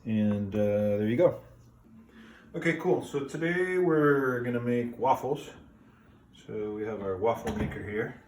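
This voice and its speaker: A man hosting a casual cooking video in a home kitchen, talking step by step in a relaxed, plain way with many "uh"s and "um"s. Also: mid-range voice, a little slow, background noise. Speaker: home cooking show host.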